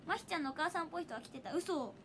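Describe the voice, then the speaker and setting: Giggly young woman with a high bright voice. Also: lively intonation, racing, slight background noise. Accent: Hiroshima. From Hiroshima, Japan. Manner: giggly, chatty, laughs often. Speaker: idol livestreamer. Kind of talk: casual livestream chat reading viewer comments.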